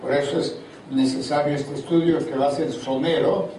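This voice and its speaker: At a church seminar in a large hall, an older man preaches at a moderate pace, his voice high-leaning, darkish and fairly even in intonation. He puts questions to the congregation, and the recording is far-off, reverberant and noticeably noisy.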